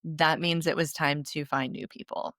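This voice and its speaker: A woman hosting a recovery podcast, speaking in a reflective, measured way. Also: low-pitched, fairly even intonation, a bit bright, no room sound, studio quality. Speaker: podcast host. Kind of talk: casual chat.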